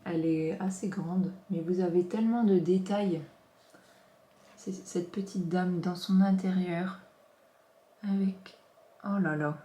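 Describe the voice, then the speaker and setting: A woman in her thirties chats through an unboxing, warm with exclamations and easy asides. Her voice sits a touch low. The room around her rings with a noticeable echo. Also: fairly even intonation, slow pace, long pauses. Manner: gushing, chatty, lots of exclamations. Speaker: vlogger. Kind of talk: casual unboxing chat. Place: home office. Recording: roomy echo.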